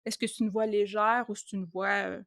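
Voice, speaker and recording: A woman's voice: mid-range voice, level tone, moderate pace, vocal fry, a bit bright, no echo, clean studio sound. A woman, a guest player on a podcast, talking with frequent hesitations. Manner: hesitant, many fillers. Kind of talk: casual podcast chat.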